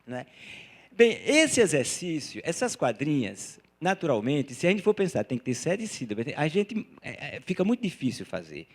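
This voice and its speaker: A man, an arts educator giving an animated talk to educators, chanting folk rhythms and often ending phrases with a quick tag question. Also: fairly high pitch.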